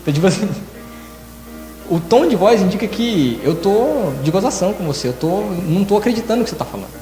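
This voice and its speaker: A man's voice: sits high, very animated, fast talker, mellow, faint music behind. Man preaching in an echoing hall. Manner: demonstrative, acts out tones of voice in quoted examples. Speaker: church elder preaching. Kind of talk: sermon. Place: church hall. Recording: echoey hall with reverb.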